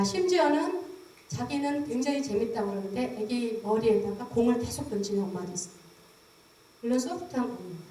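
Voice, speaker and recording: A middle-aged woman, a professor, giving a lecture and acting out how mothers talk to their babies. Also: fairly high pitch. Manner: acts out mothers' words to babies in a lively voice. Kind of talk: seminary public lecture. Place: lecture hall. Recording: echoey hall, mic at a distance.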